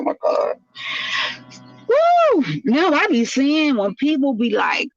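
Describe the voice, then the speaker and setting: A woman's voice: mid-range voice, fairly bright tone, no room sound, lo-fi sound. Frazzled woman venting from her car. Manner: frazzled, sighing, talks out her stress. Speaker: vlogger and small business owner. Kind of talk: casual venting vlog. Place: inside a car.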